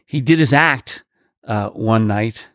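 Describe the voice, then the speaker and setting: A man's voice: fairly low pitch, slow, a bit bright, dry recording, clean studio sound. A man co-hosting a casual podcast chat, telling stories animatedly and laughing often. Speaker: podcast co-host and performer.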